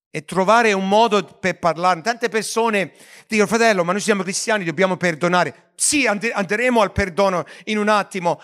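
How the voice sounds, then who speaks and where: A man's voice: sits high, a bit bright. A man preaching a sermon as pastor, earnest, with frequent restarts and stumbles over words.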